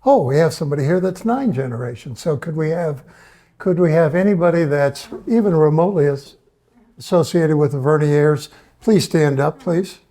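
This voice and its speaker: A man in his seventies talking casually to an audience, folksy and hesitant, often pausing on fillers and asking the crowd questions. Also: a little high, mellow. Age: 70s. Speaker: presenter.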